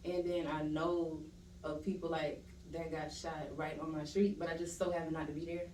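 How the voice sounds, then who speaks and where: A woman's voice: sits low, little pitch movement, normal speed, mellow. A young woman with a Louisiana accent tells stories in casual chat, laughing often and slipping into Southern slang. The room rings with echo, and she sits back from the mic. A faint hiss runs underneath. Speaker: guest. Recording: echoey room, mic at a distance.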